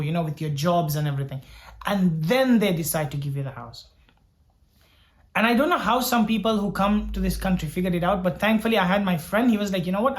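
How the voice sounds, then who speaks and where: A young man from Sri Lanka, a doctor, telling his story in an earnest, reflective way, often repeating words as he thinks aloud. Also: sits high. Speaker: doctor vlogger. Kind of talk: personal storytelling vlog.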